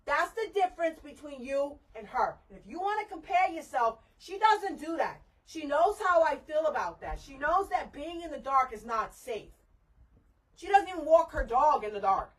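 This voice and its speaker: A woman's voice: high voice, sing-song, moderate pace, fairly bright tone, recorded from a distance, rough recording. A middle-aged mother scolding her daughter in a heated family argument, lecturing and repeating herself.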